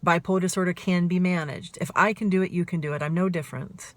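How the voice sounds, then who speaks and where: A middle-aged woman talking straight to camera in a fast, emphatic way, asking herself questions and answering them. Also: on the low side, steady tone, no room sound. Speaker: author and mental health advocate. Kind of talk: self-recorded talk to camera.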